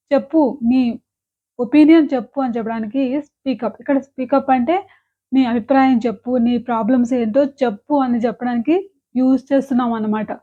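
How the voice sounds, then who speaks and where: Brief: female English teacher, high voice, slow deliberate examples, tinny phone-like audio. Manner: slow, deliberate example sentences between quick explanations. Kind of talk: language lesson.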